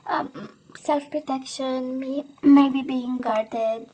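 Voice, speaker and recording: A woman doing a casual tarot love reading, hoarse as she loses her voice, often clearing her throat and tagging her sentences with "right?". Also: high voice, steady tone, drawn-out words, dark tone, slight background noise, poor audio. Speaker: tarot reader.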